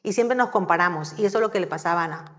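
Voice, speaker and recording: A woman giving a sermon in a church, telling the story in a lively, conversational way. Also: lowish voice, very fast. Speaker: church speaker. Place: church hall. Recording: long hall reverb.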